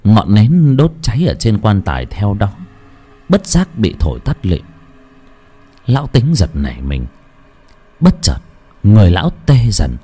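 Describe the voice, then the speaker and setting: A man narrating a ghost story dramatically, with an expressive, swooping delivery. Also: fairly low pitch, measured pace, pauses often, husky.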